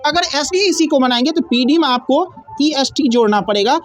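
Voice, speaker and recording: A woman teaching a grammar lesson, who asks questions and answers them herself and repeats key words slowly. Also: sits high, lively intonation.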